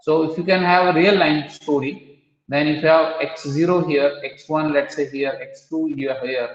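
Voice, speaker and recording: A man's voice: on the high side, steady tone, moderate pace. A man lecturing a mathematics class, explaining step by step and quizzing students. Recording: echoey hall, dull lo-fi sound.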